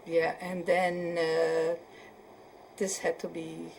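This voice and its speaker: A woman in her seventies from Poland, answering questions in an oral history interview and often pausing to search for words. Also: on the low side, monotone, gravelly, darkish tone, slight background noise, low-quality recording. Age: 70s. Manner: hesitant, searching for words with many fillers.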